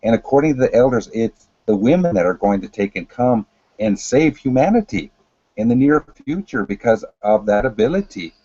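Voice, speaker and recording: A man giving an unscripted spiritual talk in a calm, earnest, deliberate way, repeating phrases as he goes. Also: medium pitch, husky, no room sound, highs cut off. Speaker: spiritual teacher.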